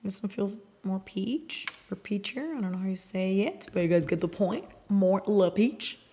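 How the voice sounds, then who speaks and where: A woman's voice: mid-range voice, lively intonation, normal speed, warm tone, slight background noise. A woman casually chatting as she swatches and compares nail polishes, swearing now and then and sometimes dropping to a whisper. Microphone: close mic.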